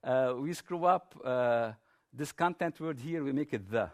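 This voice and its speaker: A man's voice: mid-range voice, unhurried. A man giving a technical conference presentation in an informal, explanatory manner.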